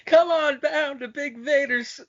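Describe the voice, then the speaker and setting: A man's voice: very high-pitched, a little slow, dull audio, voice pushed up. A man voicing a desperate, pleading Darth Vader who hawks used cars like a salesman. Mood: pleading sales pitch.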